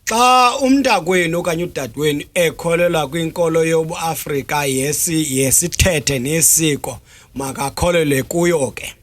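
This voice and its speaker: A man with a Xhosa accent from South Africa, explaining things deliberately as an interview guest, with frequent hesitation sounds. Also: a little high, fairly bright tone. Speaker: traditional healer interview guest.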